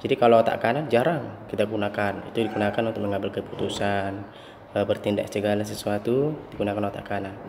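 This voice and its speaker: A man's voice: fairly low pitch, fairly even intonation, fast, darkish tone, long reverb tail, slight background noise. A young man talking casually to a phone camera in a small room, teaching a simple exercise, hesitant with many fillers and restarts. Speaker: instructor. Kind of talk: casual instructional talk to camera. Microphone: phone camera at close range.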